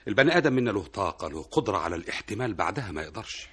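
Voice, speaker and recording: An actor playing Hamed, a tired, resigned Egyptian husband in an old radio drama. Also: male voice, fairly low pitch, sing-song, very fast, a bit bright, slightly rough, exaggerated voice. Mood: weary. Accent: Egyptian Arabic. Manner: mocking, then tired and resigned. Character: weary, put-upon husband Hamed.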